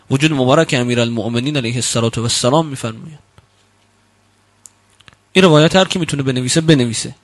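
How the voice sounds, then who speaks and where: In a sermon, a man slowly quotes Arabic sayings and then explains them, his emphatic rebukes rising loud and high.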